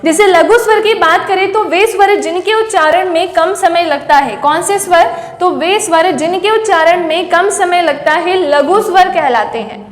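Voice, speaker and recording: A woman teacher with a very high voice gives a classroom-style lesson. She keeps putting questions to her listeners and then answers them herself. Her voice rings around a roomy space with a long reverb. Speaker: Hindi teacher. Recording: echoey room with long reverb.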